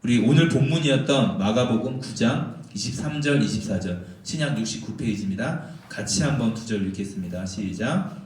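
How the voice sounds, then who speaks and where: A man's voice: medium pitch, a little fast. A male pastor preaching a sermon in a church and acting out the Bible quotes. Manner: animated, acts out the Bible quotes. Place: church sanctuary. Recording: very echoey hall, mic far off.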